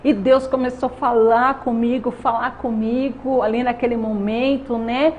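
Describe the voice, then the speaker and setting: A woman's voice: fairly high pitch, little pitch movement, moderate pace, a little mellow. Earnest Brazilian woman giving testimony. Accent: Brazilian Portuguese. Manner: earnest, repeats "né?" often. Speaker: interview guest. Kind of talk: personal faith testimony. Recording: dull lo-fi sound with faint noise.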